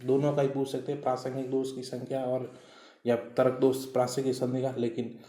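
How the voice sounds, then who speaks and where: A man teaching a college class, explaining step by step with repeated examples and drawn-out key words. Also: mid-range voice, monotone, mellow. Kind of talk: recorded classroom lecture. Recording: echoey room on a phone recorder.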